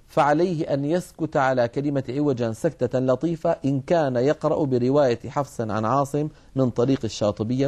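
A man giving a broadcast lesson on Quranic recitation rules, explaining calmly and slowing down to demonstrate passages. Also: mid-range voice.

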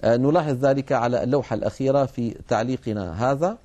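A man with a mellow, warm voice teaches the rules of Quranic recitation in a measured, explanatory way. He speaks at a mid pitch and stretches out words slowly whenever he demonstrates a passage. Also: lo-fi sound.

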